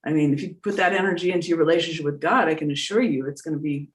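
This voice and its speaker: A woman's voice: sits low, very fast. A middle-aged woman giving casual, earnest spiritual teaching in an informal, emphatic way. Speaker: spiritual teacher and medium answering questions. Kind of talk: casual, conversational spiritual talk. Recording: echoey room, distant mic on internet call.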